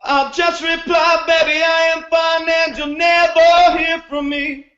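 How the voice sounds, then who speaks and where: A man belts a sung line very high, yelling certain vowels. Automatic gain lifts and drops his level unevenly. The sound is bright and roomy, heard over dull lo-fi audio. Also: level tone, a little slow. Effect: uneven automatic gain that jumps on yelled vowels. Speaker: voice student. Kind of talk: singing a phrase in belted head voice.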